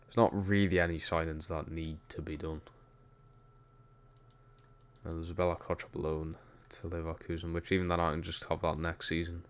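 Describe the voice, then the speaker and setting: Deep-voiced Geordie streamer. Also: male voice, flat delivery, moderate pace. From Newcastle, England. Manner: chatty, reacts to the game and reads chat. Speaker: streamer playing a football game. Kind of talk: casual gaming stream commentary.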